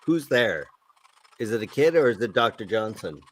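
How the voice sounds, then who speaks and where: A man's voice: on the low side, very animated, moderate pace, a little hiss or hum. A man hosting a paranormal livestream remotely from his home setup, talking casually with an easy laugh. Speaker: livestream host.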